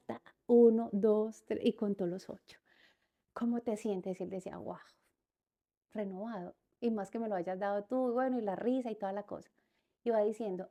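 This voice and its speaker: Woman, podcast guest, personal storytelling, mellow voice, acts out quoted lines. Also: mid-range voice, gravelly. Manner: repeats words and phrases as she recounts events; acts out quoted speech within her story.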